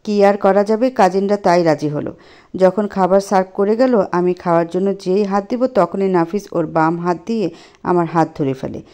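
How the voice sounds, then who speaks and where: A woman narrating a first-person love story in an expressive storytelling manner. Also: medium pitch, normal speed.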